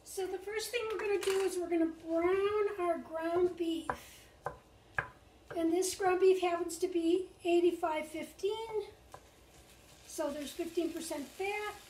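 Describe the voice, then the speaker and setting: This is a cooking demonstration for kids, led by an older library instructor who explains each step with patience. She talks unhurriedly in a very high, steady, darkish voice, recorded by a camera several feet off in an echoey kitchen with slight hiss or hum and faint sizzling of frying meat.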